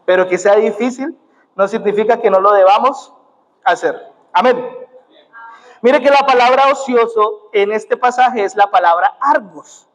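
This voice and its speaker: A man's voice: high-pitched, a little slow. A young man with a Colombian accent preaching a sermon in church, often adding "amén" and "gloria a Dios". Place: church sanctuary. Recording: dull muffled sound in a reverberant church.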